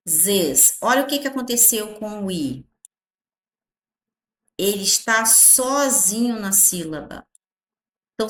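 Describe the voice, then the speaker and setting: A Brazilian woman teaching a grammar lesson with lively, drawn-out emphasis. She keeps checking that the class follows along. Her voice rings in an echoey room, at a medium pitch. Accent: Brazilian Portuguese. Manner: animated, stretches words, frequent "tá?" and "ó" checks.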